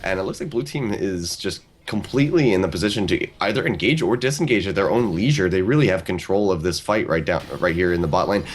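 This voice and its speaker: A man calling a video game match as a play-by-play commentator, talking rapidly like an auctioneer. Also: mid-range voice, slight background noise. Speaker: esports commentator.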